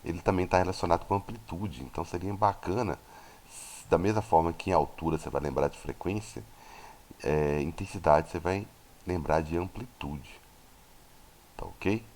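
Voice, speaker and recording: Deep-voiced Brazilian physics teacher. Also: male voice, moderate pace, darkish tone. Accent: Brazilian Portuguese. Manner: explanatory, many tag questions. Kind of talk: recorded classroom lesson.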